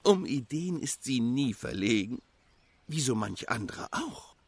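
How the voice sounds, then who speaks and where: A woman voicing a calm, dry-witted bear in a children's radio play. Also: a bass voice, measured pace, a little hiss or hum, heavily acted. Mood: dry amused. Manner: dry, gently teasing.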